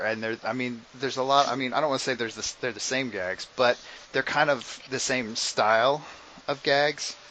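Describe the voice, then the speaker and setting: A man's voice: mid-range voice, sharp tone, slight background noise, rough recording. A man co-hosting a podcast, talking casually in a rambling way with frequent restarts. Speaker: podcast co-host. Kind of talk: casual chat.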